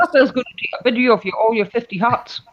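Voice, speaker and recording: Teasing high-voiced man, lo-fi recording. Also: racing, slight background noise. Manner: teasing, laughs often. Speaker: regular in a chat among friends. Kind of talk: casual banter. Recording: dull lo-fi recording.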